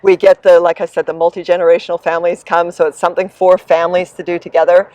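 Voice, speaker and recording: A woman's voice: on the low side, level tone, quick pace, dry recording, muffled recording. A middle-aged woman from New Zealand, answering interview questions with upbeat, enthusiastic energy about her business. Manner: enthusiastic, upbeat, warm promotional tone. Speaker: land sailing business coordinator, guest.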